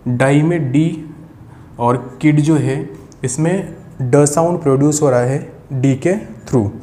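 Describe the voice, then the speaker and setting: A man's voice: fairly high pitch, mellow. A man teaching English phonetics, patiently repeating key sounds and addressing viewers as friends. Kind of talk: explaining a lesson at a board.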